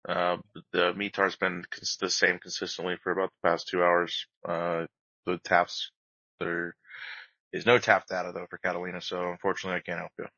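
A man's voice: deep voice, completely flat delivery, normal speed, bright, forceful tone, no echo. A man giving clipped, procedural air traffic control instructions over radio in a flight simulation. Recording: dry, dull band-limited radio audio.

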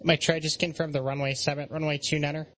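A man's voice: on the high side, little pitch movement, fast talker, a bit bright. A man working as an air traffic controller, giving procedural radio instructions.

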